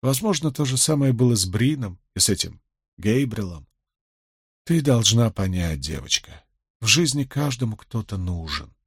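A man voicing an older male gleeman, low and soft-spoken, gruff but gentle and rueful, with a husky voice. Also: very animated, moderate pace, no echo, clean studio sound, full character voice. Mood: tender.

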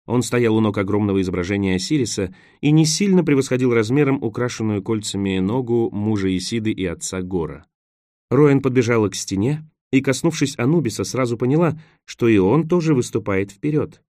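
A man narrating an adventure novel as an audiobook, steady and measured. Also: mid-range voice, dry recording, clean studio sound. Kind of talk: scripted narration.

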